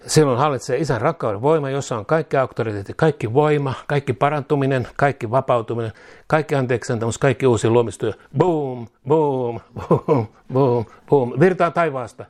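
A man preaching a charismatic sermon, with bursts of "tang" and "boom", then leading a prayer where each phrase is said twice for others to repeat. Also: a little mellow.

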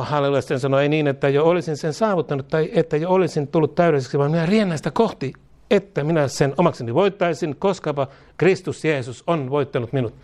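A man's voice: on the high side, a little mellow. A man preaching a sermon, fervent, leading a repeated prayer and speaking in tongues. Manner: fervent, prays aloud repeating each line. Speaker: pastor.

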